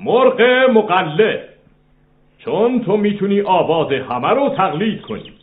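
Brief: man voicing a regal eagle king, high, lively delivery, storybook, thin phone-like sound. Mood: solemn. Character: eagle king, stately and stern.

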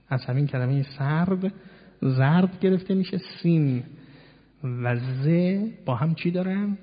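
A man's voice: mid-range voice, breathy edge. A man giving a sermon and teaching, explaining words one by one and asking rhetorical questions. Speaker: preacher. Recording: dull lo-fi sound in a long-reverb hall.

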